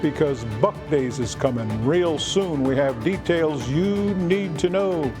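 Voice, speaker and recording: A man's voice: a little high, expressive, slow, music in the background. A news anchor putting on a jolly pirate man. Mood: hearty. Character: swashbuckling male pirate, hearty and playful.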